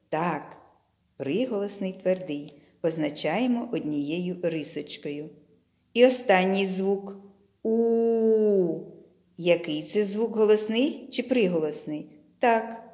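Teacher lady talking real slow n clear to little kids, lowish voice. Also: a little mellow. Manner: slow and deliberate, stretching words out for children. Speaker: primary school teacher. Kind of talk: slow, clear literacy lesson for young children.

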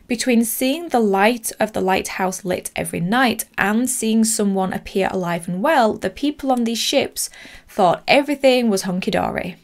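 A woman in her thirties tells a true horror story as host of her channel. She speaks in a measured, dramatic manner with the odd casual aside. Her voice sits at an ordinary middle pitch, recorded in a small home studio. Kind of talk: scripted storytelling narration.

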